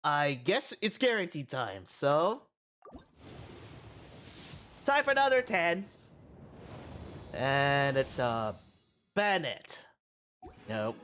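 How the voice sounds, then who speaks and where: A man streaming his game rolls in casual commentary, halting and rambling between excited bursts, with a morning voice. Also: medium pitch. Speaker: gaming streamer. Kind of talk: casual gacha-roll commentary.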